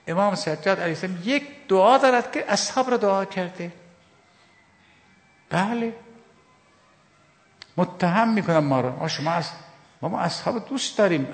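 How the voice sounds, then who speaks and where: A male preacher delivering an emphatic sermon, calling out to his listeners and slowing down to recite Arabic before translating it. His voice is gravelly and swings widely in pitch, sitting a little high for a man. It rings out with the long reverb of a hall. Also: fairly bright tone. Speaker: Shia preacher.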